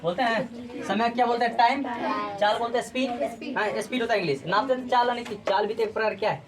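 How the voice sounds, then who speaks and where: A woman's voice: fairly high pitch, fast, a crowd in the background. A woman teaching a physics class, drilling students with repeated call-and-response questions. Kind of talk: classroom lecture.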